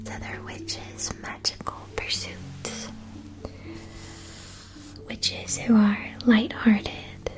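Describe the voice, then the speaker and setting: In this whispered ASMR roleplay, a woman with a fairly high pitch takes on the part of a polite, attentive witch-school shopkeeper. She explains in measured, deliberate phrases.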